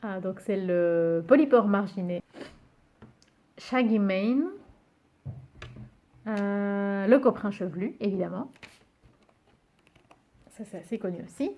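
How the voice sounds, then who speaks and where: A woman presenting a card game in a casual video, cheerful and amused, pausing often with fillers and reading titles slowly. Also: mid-range voice, warm tone. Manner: hesitant, many fillers, muses aloud over names; reads English card titles slowly and carefully. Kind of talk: casual show-and-tell presentation.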